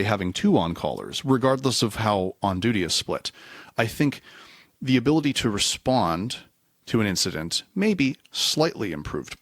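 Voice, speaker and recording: Alçak sesli bir adam, podcast konuğu, dağınık ve kendini düzelterek konuşuyor; kayıt kuru ve yankısız. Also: male voice, on the low side, dry recording, clean studio sound. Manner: discursive, self-correcting, slips into acted quotes. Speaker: podcast guest, reliability engineer. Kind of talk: casual conversational interview.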